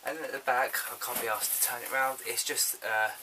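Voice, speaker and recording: A man chatting casually and haltingly as he presents an unboxing, recorded on a built-in camera microphone. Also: mid-range voice, steady tone. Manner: informal, halting, thinking aloud. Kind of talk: casual unscripted vlog chat. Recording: loud hiss, clicks, built-in camera mic.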